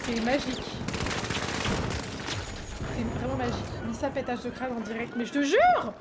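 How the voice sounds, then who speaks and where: A woman's voice: fairly high pitch, moderate pace, heavy background noise. A young woman streaming a shooter game, chatting to viewers, shrieking and swearing as she plays. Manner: excitable, shrieks and yelps during play, swears; reads chat and chats to viewers. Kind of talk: casual gaming livestream chat.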